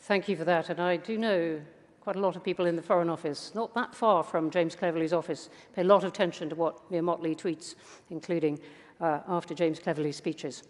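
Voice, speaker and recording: Event chair, formal, measured, mid pitch, live ceremony, echoing hall. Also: fairly even intonation. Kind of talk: hosting a live prize ceremony. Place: large hall with an audience. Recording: reverberant hall.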